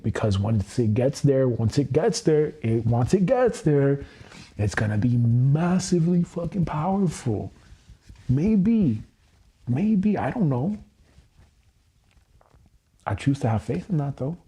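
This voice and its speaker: Slightly rough and dark in tone, his mid-range voice carries earnest self-affirmations that he repeats again and again, swearing regularly. He's in his thirties and hosts an EFT tapping livestream.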